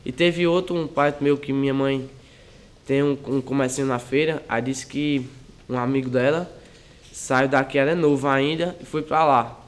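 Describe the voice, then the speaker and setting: A teenage male high school student, giving rambling, hesitant interview answers. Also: fairly even intonation, normal speed. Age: teens.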